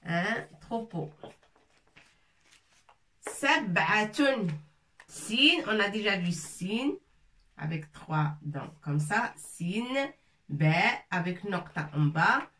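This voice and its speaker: A woman teaching with slow, unhurried patience, going over each word again and again syllable by syllable. Her voice sits a little back from the microphone. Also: on the low side, lively intonation, a bit bright, distant mic. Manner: patient, repeats words syllable by syllable. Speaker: Arabic teacher. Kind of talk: slow spelled-out language lesson.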